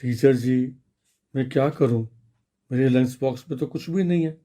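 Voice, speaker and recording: A man voicing a fussy little schoolboy in a children's radio story, talking in an excited, childlike way with his pitch jumping up. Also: moderate pace, natural voice. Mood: sad. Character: fussy little schoolboy who wants one food.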